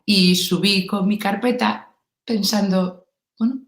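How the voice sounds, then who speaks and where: A woman's voice: mid-range voice, slow. A woman, a guest telling a story in an interview and acting out the dialogue as she goes. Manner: lively storyteller who acts out dialogue. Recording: roomy echo.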